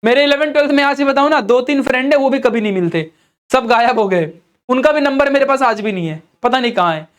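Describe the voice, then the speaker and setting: A man's voice: very high voice, expressive, quick pace, smooth. A young man with an Indian accent, an online teacher giving earnest, coaxing study advice straight to his students. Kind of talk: motivational study advice talk.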